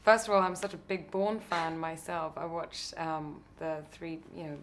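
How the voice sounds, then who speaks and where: Low-voiced hesitant actress. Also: female voice, normal speed, a little hiss or hum. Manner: hesitant, restarting sentences. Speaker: actor. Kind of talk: interview answers.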